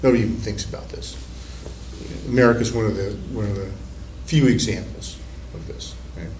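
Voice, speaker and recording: A man's voice: fairly low pitch, fairly quick, darkish tone. Man lecturing in an echoey classroom. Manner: rambling, conversational, with restarts and repeated words. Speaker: university psychology professor. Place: university classroom. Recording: echoey classroom, recorded from a distance, faint room hiss.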